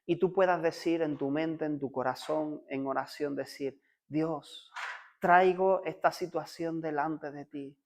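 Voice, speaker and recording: High-voiced Spanish man praying fervently. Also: fairly even intonation, a little slow. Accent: Spanish (Spain). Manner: fervent prayer, repeating "Señor" constantly, rising to urgent pleading. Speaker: pastor. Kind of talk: leading a congregation in prayer.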